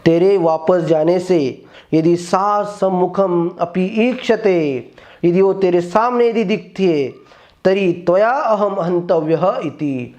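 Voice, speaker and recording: A man's voice: high voice, takes it slowly, a little mellow. A man teaching Sanskrit. He reads each line of a text and then explains it word by word in Hindi.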